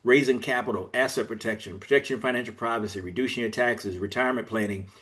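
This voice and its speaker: A man's voice: medium pitch, quick pace, fairly bright tone. A man from Georgia in the US, an executive coach speaking as a guest in a podcast interview, explaining things step by step in an earnest way. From Georgia, USA.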